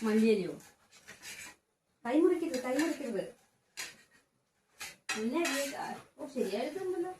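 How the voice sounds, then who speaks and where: A woman's voice: sits high, big pitch swings, unhurried, long pauses, noisy background. Playful woman coaxing a child in the kitchen. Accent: Kerala Malayalam. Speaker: home cook vlogger. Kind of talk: casual family cooking chat. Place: home kitchen.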